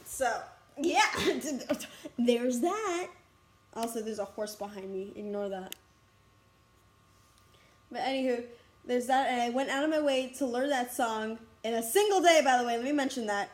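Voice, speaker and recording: A young woman in a casual vlog, rambling excitedly and breathlessly about her school day, recorded outdoors on a school campus. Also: on the high side, measured pace, pauses often. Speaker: vlogger.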